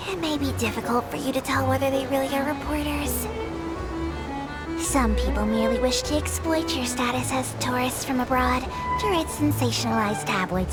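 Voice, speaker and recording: A woman with a high, natural voice plays a small, polite and dutiful female creature working as a tour guide in a video game. She recites announcements in a formal, precise way.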